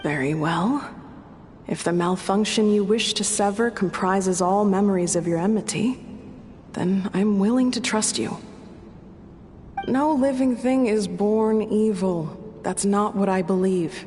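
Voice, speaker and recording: A woman playing a compassionate young heroine in a video game, measured and earnest. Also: medium pitch, a little mellow, lightly acted. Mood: earnest resolve. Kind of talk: dramatic video game acting. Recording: long reverb, background noise.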